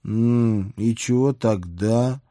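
A man's voice: medium pitch, warm tone, dry recording, clean studio sound, close to an everyday voice. A man doing a cheeky folksy demon princess. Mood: blunt. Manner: folksy colloquial speech, quick wry retorts. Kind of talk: audiobook character voice.

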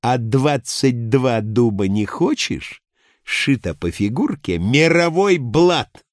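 A man's voice: mid-range voice, husky, no echo, studio quality, voice pushed up. A man doing a boastful, cheerful red-haired hustler. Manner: bragging, drawn-out, excitable.

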